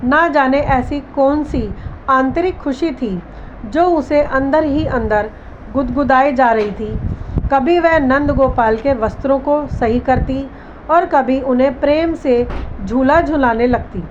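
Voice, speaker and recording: A high-pitched woman narrates a dramatic family story, voicing its characters' dialogue in her own voice as she goes. The recording sounds a little dull, with a faint hiss of room noise behind her.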